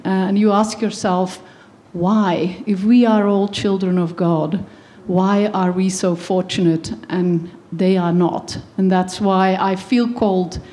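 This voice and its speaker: Earnest woman from Belgium, mellow voice. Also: medium pitch. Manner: earnest, many ums and restarts. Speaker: guest speaker. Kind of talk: faith-based talk on education.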